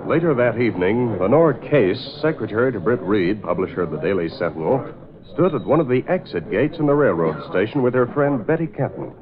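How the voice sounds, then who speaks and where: A man narrating a 1940s radio drama in a formal, steady manner. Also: on the low side, fairly quick, crowd noise. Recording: tinny old radio with music.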